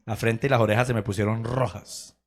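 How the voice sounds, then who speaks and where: A man's voice: fairly low pitch, steady tone, fairly quick, gravelly. A man preaching a sermon in a church, telling personal stories with acted quotes and laughter. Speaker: pastor.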